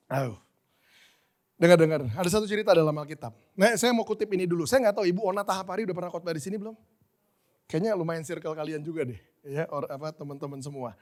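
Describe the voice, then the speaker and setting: Brief: male preacher in his 40s, high-pitched, emphatic and rhetorical, drops in English. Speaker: guest preacher. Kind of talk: sermon.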